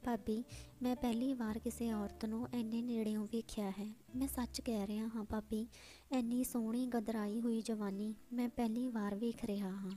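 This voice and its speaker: A woman's voice: fairly high pitch, flat delivery, moderate pace, dark tone, close to an everyday voice. A woman reading the lines of a young college man in a story, in a pleading, earnest way.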